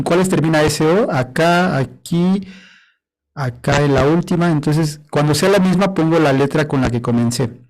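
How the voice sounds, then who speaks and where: Male teacher, poetry lesson, patient, counts syllables aloud, slightly high voice. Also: rough recording.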